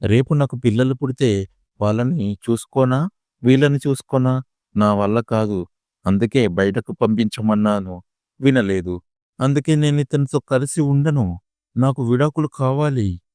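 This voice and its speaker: A man's voice: mid-range voice, a little slow, dark tone, no room sound, studio quality, natural voice. A man voicing an angry young bride in court, complaining indignantly as he reads the story aloud.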